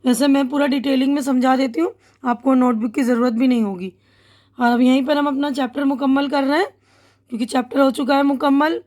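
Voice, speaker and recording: Her voice is high and steady with a darkish quality. She's a teacher with an Indian Urdu accent, explaining a lesson to children with patience, going back over things and correcting her slips.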